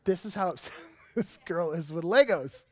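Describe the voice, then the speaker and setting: A man in his thirties, a pastor, preaching a sermon and telling a lively personal story with emphatic delivery. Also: high-pitched, measured pace, dry recording.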